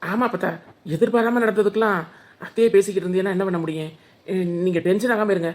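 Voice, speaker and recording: A woman voicing a calm young village man in a cartoon, with a southern Tamil village accent, coaxing and placating the family. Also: mid-range voice, fast talker, lightly acted. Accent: southern Tamil Nadu village Tamil. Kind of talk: cartoon voice acting.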